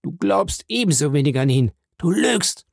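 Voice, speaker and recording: A man's voice: a little high, big pitch swings, moderate pace, creaky, no echo, studio quality, pitched above the performer's own voice, full character voice. A man voicing a dying, bitter man who cries out in anguish, reading an audiobook. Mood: defiant.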